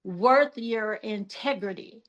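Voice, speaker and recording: An older woman appears as a guest on a podcast, speaking softly, earnestly and with measured care, pausing often and using plenty of fillers. Her voice sits in the mid range, the audio quality is poor, and the talk is reflective, interview-style.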